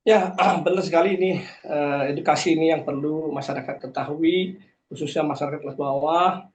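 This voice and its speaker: A man's voice: on the high side, fairly even intonation, normal speed, darkish tone, a little hiss or hum. A man, a guest giving earnest, preachy personal testimony with frequent hesitations. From Karangasem, Bali. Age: 40s. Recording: dull lo-fi sound.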